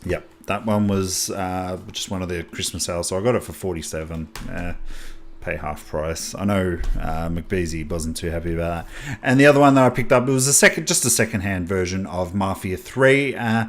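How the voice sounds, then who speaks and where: A young man hosting a casual video game haul, talking excitedly and rambling, often restarting and correcting himself mid-sentence. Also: low voice, normal speed. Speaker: gaming channel host.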